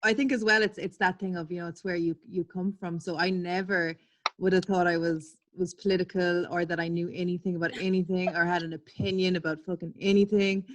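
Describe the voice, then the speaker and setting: A woman's voice: on the low side, level tone, a little fast. Candid, laughing woman. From Ireland. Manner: candid, swears, laughs while telling stories. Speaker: artist and publisher. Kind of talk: casual online talk. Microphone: video call.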